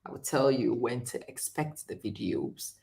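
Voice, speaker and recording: Slow, low-voiced Ghanaian-born woman host. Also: animated, vocal fry, mellow. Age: middle-aged. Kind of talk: live stream chat with viewers.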